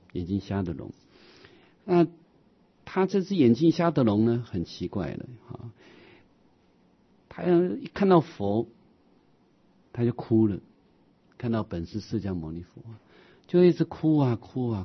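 A man teaching a Buddhist sermon on scripture, explaining as he goes, with many drawn-out "ah" fillers and rhetorical questions. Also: fairly low pitch, husky, muffled recording.

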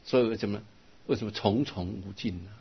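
An older man, a Buddhist monk, giving a dharma lecture, telling stories lively and turning to his listeners with asides. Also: on the low side, a little fast, gravelly, breathy edge. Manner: lively storytelling with laughs and asides to the audience. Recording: dull lo-fi recording.

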